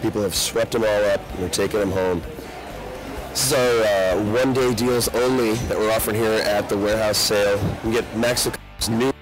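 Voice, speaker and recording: A man's voice: on the low side, poor audio. A man in his thirties hosting a walkthrough of a crowded warehouse sale, upbeat and salesy. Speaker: host. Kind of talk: event walkthrough and vox-pop interviews. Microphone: handheld mic.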